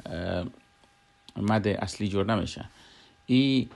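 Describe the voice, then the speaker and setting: Man, Afghan Dari accent, recitation teacher, slow halting explanation, lowish voice. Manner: halting, frequent filler hesitations.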